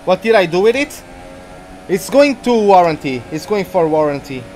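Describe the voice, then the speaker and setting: A Portuguese man with a Portuguese accent streams live commentary on a racing game, chatting, rambling, and getting easily distracted. His voice is high-pitched with big pitch swings, a moderate pace, and a darkish tone, with a little hiss or hum in the background.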